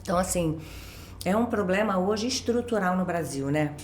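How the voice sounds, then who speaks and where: A woman's voice: on the low side, lively intonation, moderate pace, a little mellow, reverberant, slight background noise. A woman with a Rio de Janeiro accent, a guest expert explaining things in casual chat with everyday examples and constant tag questions. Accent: Rio de Janeiro Portuguese. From Brazil, born in Minas Gerais.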